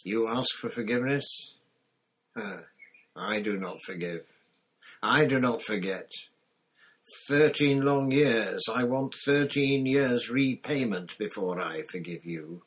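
A man playing a cold, mocking dark wizard lord who speaks in a soft, deliberate, menacing way, as in an audiobook story. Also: mid-range voice, expressive, husky, voice pushed up.

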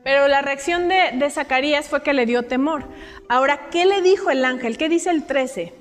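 High-voiced woman teaching Bible. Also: normal speed. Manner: animated, asks the group questions. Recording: hall reverb with faint music.

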